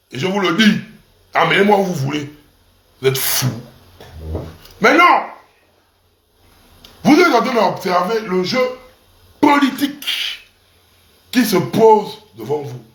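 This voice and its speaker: Very animated yet slow and full of pauses, this high-pitched, fairly bright male voice rings out in roomy sound. An online commentator, he mocks his audience in a crude, provocative rant to camera, repeating syllables for emphasis.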